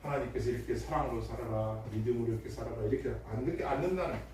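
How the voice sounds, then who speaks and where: Middle-aged male pastor, emphatic sermon delivery with loud peaks and hushed asides, distant mic, heavy church echo. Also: medium pitch, very fast. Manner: emphatic preaching with rhetorical questions, swings from loud to hushed. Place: church sanctuary. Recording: echoey hall, distant mic, faint noise.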